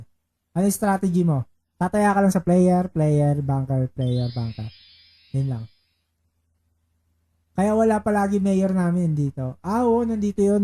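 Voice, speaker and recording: A male live-streamer with a warm, mellow tone that stays relaxed. He talks in a loose, casual way as he plays, reads out viewer shoutouts, and rattles off repeated betting calls. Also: sits high. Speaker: livestreaming baccarat player.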